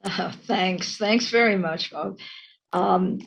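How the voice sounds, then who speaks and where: A woman in her eighties, born in Romania and raised in Canada, speaking thoughtfully with many pauses as a guest on a video call from her home study. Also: mid-range voice, gravelly, husky, rough recording. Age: 80s. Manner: slow, thoughtful, with frequent ums. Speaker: guest, retired professor and author. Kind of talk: interview over video call. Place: home study lined with bookshelves.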